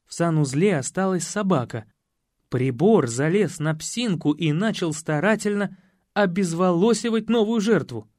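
Lively male audiobook narrator. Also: high voice, normal speed, dry recording, studio quality. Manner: lively, expressive reading. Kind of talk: scripted narration.

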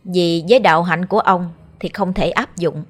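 A woman with a Southern Vietnamese accent narrating a ghost story in a steady, measured way. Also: on the low side.

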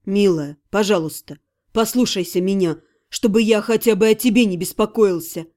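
A woman voicing a tender, protective male necromancer in an audiobook, speaking low, soft and soothing. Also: fairly even intonation, moderate pace, close to an everyday voice. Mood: gentle, soothing.

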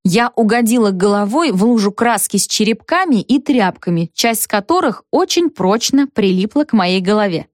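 A woman narrating a first-person audiobook in a lively, expressive storytelling manner. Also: mid-range voice, normal speed, hardly any pauses, no echo, clean studio sound.

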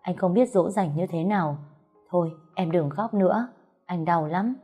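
Young husband, gruff yet tender, read by a woman storyteller; low, dark tone, faint music bed. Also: moderate pace. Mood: soothing. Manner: scolding then soothing, plain speech. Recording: soft music behind the voice.

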